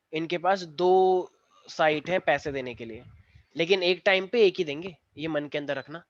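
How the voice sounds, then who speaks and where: A man's voice: high voice, fairly bright tone. A man teaching chemistry to a class in a playful, teasing way, mixing English terms into his explanations. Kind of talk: classroom lecture. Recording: dull, slightly lo-fi dry sound.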